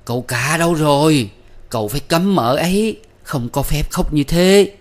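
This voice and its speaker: A man's voice: on the high side, lively intonation, normal speed, voice pushed up, natural voice. A man voicing a stern, domineering older mother-in-law who scolds in a raised voice. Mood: scolding.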